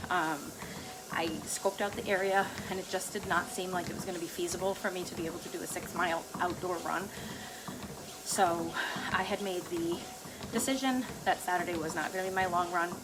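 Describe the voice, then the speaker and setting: A woman with a fairly low-pitched voice rambles casually to herself as a vlogger while on a treadmill. She laughs lightly between phrases, and background noise can be heard.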